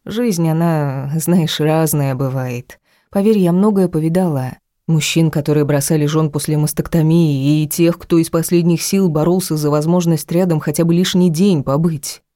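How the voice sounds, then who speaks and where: A woman voicing a calm middle-aged woman doctor who gently comforts her daughter. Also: low-pitched, normal speed, dry recording, studio quality, close to an everyday voice. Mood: gentle. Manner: gentle, soothing.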